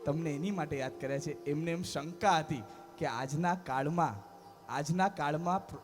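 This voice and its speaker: A man doing a calm, wise old monk teacher. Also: on the high side, normal speed, pitched below the performer's own voice, natural voice. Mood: gently instructive. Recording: music playing clearly behind.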